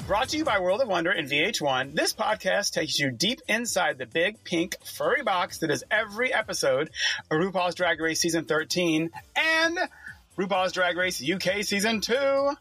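A man's voice: high voice, very animated, normal speed, bright, forceful tone, breathy edge, soft background music. A man hosting an interview podcast in an effusive, exclamatory way, recorded in a small closet at home. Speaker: podcast host, TV producer. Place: small clothes closet at home, dry sound.

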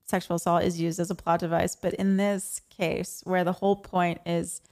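A woman's voice: on the low side, flat delivery, moderate pace, darkish tone. A woman co-hosting a podcast, talking in a chatty, emphatic way and laughing easily. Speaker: podcast co-host. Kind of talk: casual chat.

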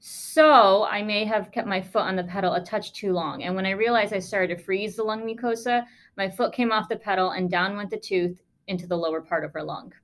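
A woman's voice: mid-range voice, brisk. A woman podcast host, a lung doctor, telling a case story in a conversational, emphatic way with sarcastic asides.

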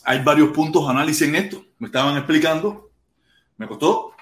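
A man with a Cuban accent hosting a casual live stream, animated, exclaiming and repeating himself. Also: fairly high pitch, brisk. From Cuba. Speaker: podcast host. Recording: echoey room.

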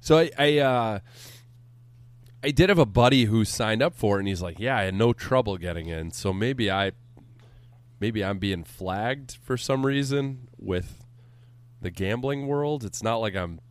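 A man co-hosting a podcast, telling a story as an animated, profane rant into a studio microphone. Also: medium pitch, unhurried, pauses often, no room sound. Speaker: podcast co-host. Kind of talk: casual podcast banter.

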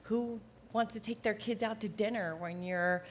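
A woman's voice: mid-range voice, normal speed, slight background noise. A woman speaking as a podcast guest, explaining things conversationally. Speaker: guest, entrepreneur.

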